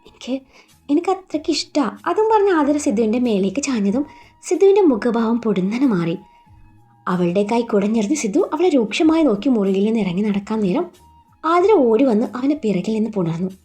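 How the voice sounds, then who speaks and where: Woman storyteller, steady narration, mellow and slightly high. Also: brisk, faint music behind.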